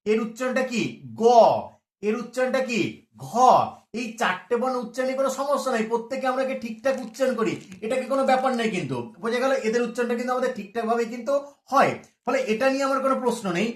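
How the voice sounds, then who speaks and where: A man's voice: very high-pitched, very fast, roomy sound. A middle-aged man teaching grammar, explaining patiently and drilling sounds over and over while asking his class questions. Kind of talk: classroom lecture to camera. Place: room with a bedsheet hung behind.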